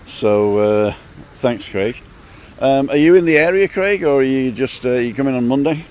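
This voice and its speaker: A man's voice: medium pitch, expressive, normal speed, a little mellow. A man from England hosting a live street vlog, chatting cheerfully with passers-by and echoing their answers. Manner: chatty and upbeat, greets strangers and repeats their answers. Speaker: live-streaming vlogger stopping passers-by. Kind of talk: casual street interviews on a livestream. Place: outdoors on a seafront street at dusk.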